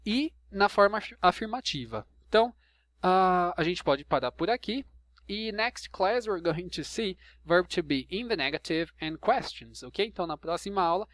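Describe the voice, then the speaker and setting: A male English teacher with a Brazilian Portuguese accent talks through a video lesson at an unhurried pace. His voice sits a little high, and the sound is dry and close. He says each example slowly and checks in with a quick "ok?" as he goes. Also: no room sound. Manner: patient, checks understanding with frequent "ok?"; spells out English examples slowly, then translates.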